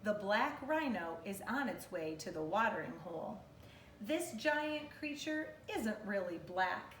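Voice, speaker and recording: In a living room at home, a woman in her thirties who teaches kindergarten reads to small children and quizzes them along the way, her unhurried medium-pitched voice expressive and instructive. A camera or phone several metres off gives a distant, roomy sound with slight background noise.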